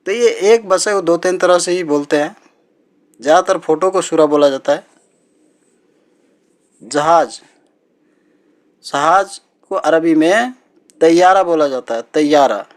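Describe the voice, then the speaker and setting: A man teaching everyday vocabulary as a language teacher, repeating each word slowly and patiently. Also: on the high side. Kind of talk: teaching Arabic words in Hindi.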